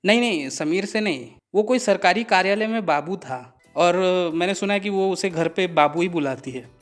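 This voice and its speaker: A young man telling a comic story to camera, animated and mock-dramatic. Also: high-pitched, moderate pace, soft background music. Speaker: comedy video creator.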